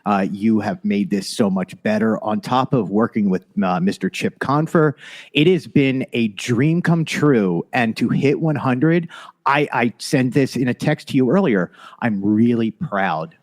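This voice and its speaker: A man co-hosting a podcast, speaking earnestly in casual chat, pausing to collect his thoughts. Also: medium pitch. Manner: earnest, thoughtful, a little halting. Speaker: podcast co-host.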